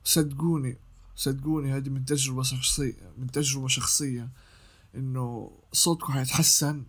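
A young man explains voice-over technique in a casual tutorial, repeating points as he teaches. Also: mid-range voice. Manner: explanatory, repeats himself, sings scale notes.

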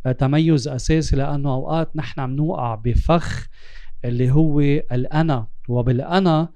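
Fast-talking Lebanese man, smooth and mellow. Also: a little high, steady tone, dry recording. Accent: Lebanese Arabic. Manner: mixes English terms into Arabic, emphatic repetition. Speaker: interviewer and host. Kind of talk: reflective interview with life-coaching advice.

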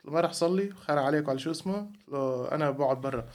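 A man's voice: a little high, rapid-fire. A man with a Levantine Arabic accent chatting casually and bluntly as a podcast co-host, telling stories and dropping in some English. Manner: animated storytelling, mixing in some English. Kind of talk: casual opinionated chat.

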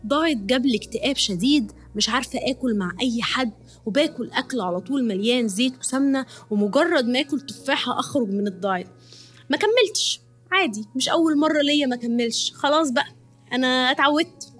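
A woman's voice: high voice, lively intonation, quick pace, fairly bright tone, faint music behind. A young woman with an Egyptian accent hosting a podcast, telling her own story in an emotional, confessional way. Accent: Egyptian Arabic. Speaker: podcast host, nutritionist.

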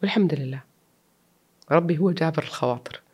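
A woman's voice: deep voice, quick pace, a little mellow, husky. A woman, speaking earnestly and reflectively as an interview guest, mixing in English words. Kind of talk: personal interview.

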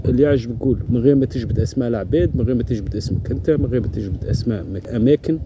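A man's voice: mid-range voice, rapid-fire, dull audio, background noise. A man hosting a podcast, presenting in a formal, announcer-like way and addressing the listeners as friends. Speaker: podcast host and interviewer.

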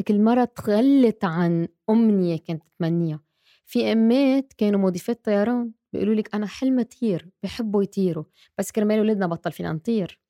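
A woman's voice: mid-range voice, dark tone, no echo, studio quality. A woman with a Lebanese accent, talking to mothers in an earnest, direct way and repeating words for stress. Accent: Lebanese Arabic. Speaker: podcast host. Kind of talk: casual personal talk to mothers.

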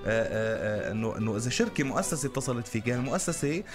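Very fast Lebanese Levantine-accented man, joking. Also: mid-range voice, lively intonation. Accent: Levantine Arabic, Lebanese. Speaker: radio show co-host. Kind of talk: casual banter. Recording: music playing behind the voice. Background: music.

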